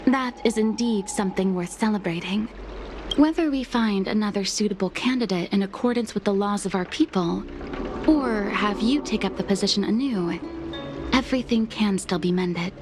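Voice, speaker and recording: A woman with a natural, medium-pitched voice speaks at a moderate pace, playing a devoted young maid in video game dialogue. The maid is formal, courteous, and earnest. Background music runs underneath the game audio.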